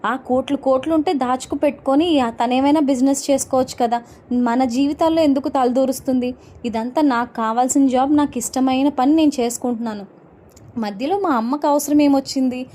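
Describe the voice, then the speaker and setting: A woman's voice: high-pitched, fairly quick, mellow. A woman voicing Shruti, an indignant young wife from a TV serial, firing off defensive questions in an episode retelling. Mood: angry.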